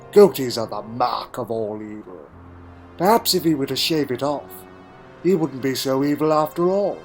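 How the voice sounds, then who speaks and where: A man's voice: medium pitch, lightly acted. A man playing an eccentric, wry Time Lord adventurer, delivering a theatrical, brooding monologue in a fan audio drama. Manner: theatrical, brooding, with dramatic pauses and sudden exclamations.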